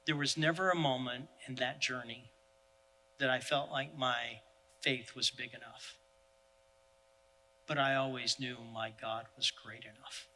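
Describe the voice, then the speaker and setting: Bright-voiced man preaching a story. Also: medium pitch, a little slow, long pauses, in a large hall, slight background noise, poor audio. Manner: animated, self-deprecating storyteller. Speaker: pastor. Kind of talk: sermon storytelling.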